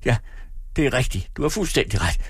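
A man voicing a blustering, greedy man who swings between rage and self-pity, ranting and accusing in a husky voice. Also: big pitch swings, dry recording, clean studio sound. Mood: furious, bitter. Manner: ranting, accusing, shrill when furious.

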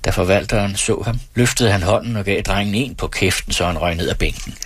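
A man narrating an audiobook in a steady, even storytelling manner, close to the mic. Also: fairly low pitch, slightly rough, no room sound.

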